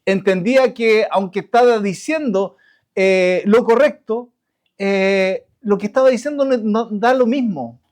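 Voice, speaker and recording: A man preaching a sermon to his congregation, halting with restarts and asking rhetorical questions. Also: sits high, darkish tone. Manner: halting, many restarts and fillers. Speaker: pastor.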